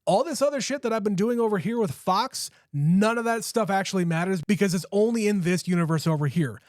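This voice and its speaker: Profane, excitable man in his thirties. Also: sits high, fairly quick, no echo, clean studio sound. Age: 30s. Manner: profane, enthusiastic, stammering restarts. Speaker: podcast co-host. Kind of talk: casual chat.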